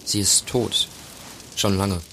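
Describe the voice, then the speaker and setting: A young actor playing a polite, somewhat hesitant journalism student in a radio play. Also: male voice, fairly low pitch, fairly even intonation, slow pace, gravelly, bright, forceful tone, slight background noise, exaggerated voice. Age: young adult.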